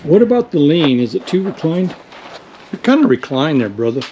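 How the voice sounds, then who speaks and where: A man's voice: on the high side, sing-song, normal speed, warm tone, lo-fi sound, a little hiss or hum. A man hosting a garage build video, chatting and teasing his helper in casual shop talk. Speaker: host of a rat rod build video. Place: home garage workshop.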